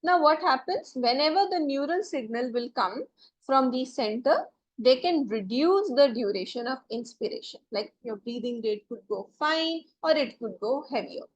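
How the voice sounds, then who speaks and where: High-pitched woman teaching a class. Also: lively intonation, normal speed, rough recording. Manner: explains step by step, often checking for understanding. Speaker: biology teacher. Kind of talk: classroom lecture with questions to students.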